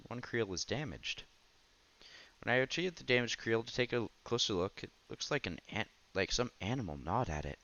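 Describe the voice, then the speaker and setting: Game music plays beneath a man streaming a visual novel, who reads it aloud and stops now and then for casual, conversational reactions. His voice is fairly low with a sharp tone, and the sound is lo-fi with a little hiss or hum.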